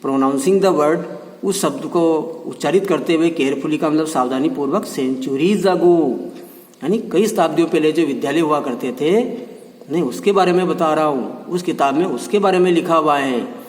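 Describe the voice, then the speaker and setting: A male teacher explaining an English textbook lesson in Hindi. He reads the English lines slowly, then explains them and repeats the meanings with frequent check-ins. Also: a little high. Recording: echoey room, voice from far off.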